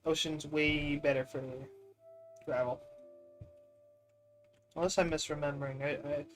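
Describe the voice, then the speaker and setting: Soft music plays behind this young streamer, whose fairly high voice comes out flat and unhurried. He plays a block-building game, giving casual, rambling commentary and teasing his chat with incredulity.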